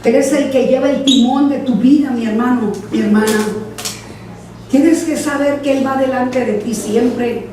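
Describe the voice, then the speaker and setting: High-voiced woman pastor preaching in an echoey church. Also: a little slow, recorded from a distance, slight background noise. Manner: animated preaching, acting out voices in quotes. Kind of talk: sermon.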